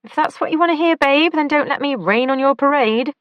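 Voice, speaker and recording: Narrator doing a deadpan young woman baker, brisk and a bit higher, audiobook. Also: no room sound. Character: careful young woman pastry chef, dry humour.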